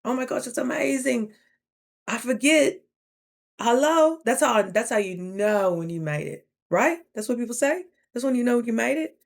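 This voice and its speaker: A woman in her thirties telling a story to camera in a casual, animated way, often acting out both sides of a conversation. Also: fairly high pitch, gravelly. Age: 30s. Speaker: vlogger.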